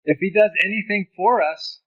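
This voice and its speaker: A man's voice: high-pitched, normal speed, fairly bright tone, highs cut off. A man who grew up in Honduras, teaching about ministry in a conversational lecture over slides, with personal stories.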